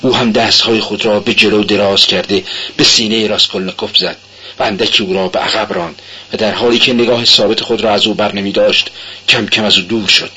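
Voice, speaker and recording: A man giving a dramatic literary reading, measured and intense. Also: fairly low pitch, steady tone, sharp tone, breathy edge, poor audio. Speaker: narrator.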